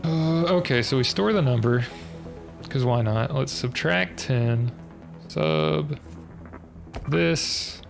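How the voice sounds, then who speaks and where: Working through a puzzle on stream, a young man thinks aloud with a stuffed-up, slightly nasal voice, muttering and hesitant, taking it slowly with frequent pauses. His middling pitch carries a gravelly, fry-laced edge, and game music plays clearly in the background.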